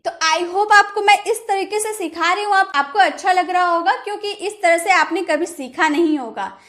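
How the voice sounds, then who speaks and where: Woman teacher, Indian accent, high voice, careful repetitive vocabulary lesson. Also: fairly bright tone. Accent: Indian English. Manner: slow, repeats each word, spells out example sentences. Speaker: English teacher.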